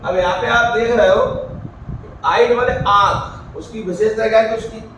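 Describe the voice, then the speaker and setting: A man's voice: sits high, fairly even intonation, moderate pace, a bit bright. A male teacher giving a grammar lecture, asking questions and answering them himself, sometimes putting student questions in his own voice. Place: coaching academy classroom. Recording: echoey room with faint background noise.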